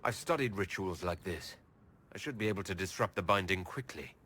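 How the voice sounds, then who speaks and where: An actor playing a steady, supportive, plain-spoken male elven leader in a video game drama. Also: sits low, fairly quick, slight background noise.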